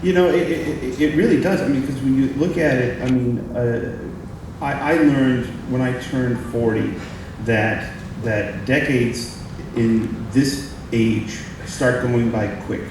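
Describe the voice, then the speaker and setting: A man's voice: mid-range voice, fairly even intonation, takes it slowly. Man, 40s, host, rambling onstage talk, restarts, distant mic, heavy echo. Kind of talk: onstage interview. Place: live event stage. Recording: echoey live room from far off with noise.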